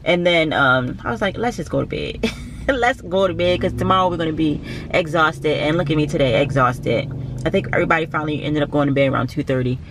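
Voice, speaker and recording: A woman's voice: sits low, a little fast, noisy background. A young woman, chatting to her vlog camera from a parked car, tired and a bit cranky. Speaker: vlogger. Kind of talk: casual vlog chat. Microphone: handheld camera close by.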